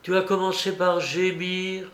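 A man's voice: flat delivery, a little slow, fairly bright tone, roomy sound. A man voicing a fussy, devout elderly aunt in an audiobook, fretful and scolding in a raised voice. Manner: fretful, scolding, pitched up high.

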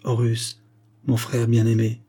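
A man's voice: mid-range voice, monotone, unhurried, warm tone, lightly acted. A man voicing an aging male scribe who pleads earnestly and reproachfully with the young man he raised. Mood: pleading.

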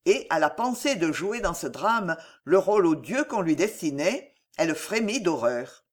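A man with a French accent narrating a historical novel in an expressive, theatrical reading. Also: high voice, measured pace. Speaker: audiobook narrator. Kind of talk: dramatic literary narration.

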